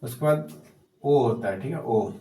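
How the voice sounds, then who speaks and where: A man teaching Hindi letters, explaining slowly and repeating each step patiently. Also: mid-range voice, warm tone, slight background noise. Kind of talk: casual handwriting lesson. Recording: echoey room.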